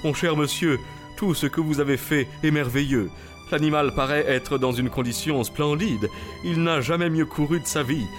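A man's voice: a little high, normal speed, faint music behind, close to an everyday voice. A man playing a flustered old colonel. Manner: excitable, stammering when flustered. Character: proud agitated old colonel, racehorse owner. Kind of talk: French radio drama acting.

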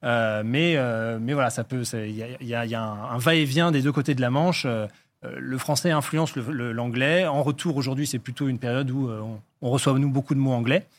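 A man's voice: medium pitch, brisk. Hesitant man explaining word origins. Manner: hesitant, many "euh" fillers and restarts. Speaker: guest linguistics enthusiast. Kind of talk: casual explanatory chat.

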